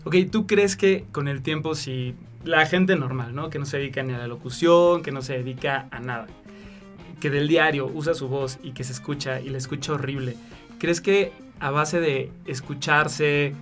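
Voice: medium pitch, normal speed. Interviewer asking stuff, mid voice, faint music behind.

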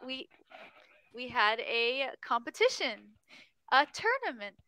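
A woman with a high, bright voice tells a story in casual chat on a podcast. She is animated and excitable and laughs a lot. The mic is close and the sound is dry. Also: slow pace, smooth, dry recording. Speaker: podcast co-host.

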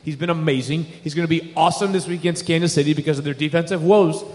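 A man co-hosting a live podcast, giving quick, confident, teasing takes. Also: on the high side, steady tone, darkish tone. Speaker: podcast co-host. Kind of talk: live podcast banter before an audience. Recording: live hall with long reverb.

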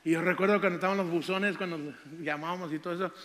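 An older man preaches, stretching out scripture with fervor before drifting into folksy childhood stories. His voice sits high for a man. The church hall around him rings with long reverb. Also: fairly even intonation, a bit bright. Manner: fervent, drawn-out scripture reading, folksy storytelling. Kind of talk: sermon testimony.

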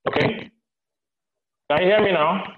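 A man moderating an online panel discussion through a wireless earpiece, his audio crackling and breaking up over the call, speaking in a halting way with frequent pauses. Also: high-pitched. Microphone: wireless earpiece on a video call. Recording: muffled, roomy video call audio.

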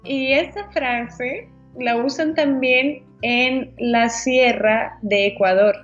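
A woman chatting casually about Spanish accents, lively and playful, laughing often. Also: sits high, slow, muffled recording, soft background music.

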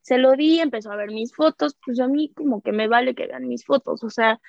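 A young woman with a Mexican accent talks candidly, circling back with fillers as she tells her own story. Her voice sits fairly high. The recording is dull and lo-fi, with a dry, close sound. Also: fairly quick, gravelly, a little mellow, dry recording. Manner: candid, rambling with many fillers. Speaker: podcast guest. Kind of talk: personal storytelling in casual chat.

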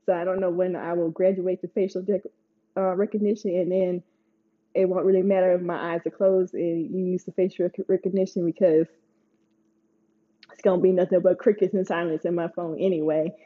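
A chatty woman recaps TV in a relaxed, rambling way and laughs between points. Her voice has a husky, breathy edge. The recording sounds slightly dull and lo-fi. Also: lowish voice, brisk. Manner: chatty, laughs often, playful asides. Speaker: TV recap host. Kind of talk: casual chat.

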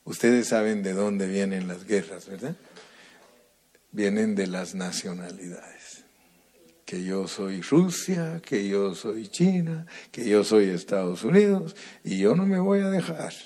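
During an evening church service, a man with a somewhat low voice delivers a sermon and prayer at a deliberate, unhurried pace. Animated and warm, he leans on key words and builds toward a fervent, rising prayer.

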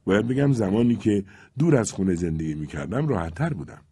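Storybook role: shy seventeen-year-old village girl, hushed and gentle, read by a male narrator. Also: lowish voice, expressive, slightly rough. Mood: anxious. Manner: soft, hushed speech.

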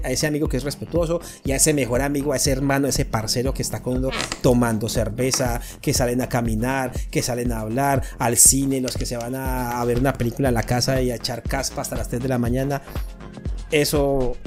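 A man with a Colombian accent hosting a comedic podcast, joking playfully and acting out what his friends say. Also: mid-range voice. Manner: jokey, playful, acts out quoted friends. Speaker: podcast host.

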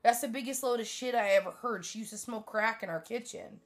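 A woman's voice: on the high side, a little fast. A young woman hosting a solo podcast from her bedroom, rambling bluntly and swearing often in a casual monologue. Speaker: podcast host.

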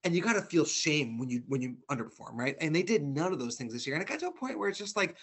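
A man's voice: on the high side, very animated, fast, a bit bright, breathy edge. A man co-hosting a casual sports fan talk show, ranting with frustration and stumbling over repeated words.

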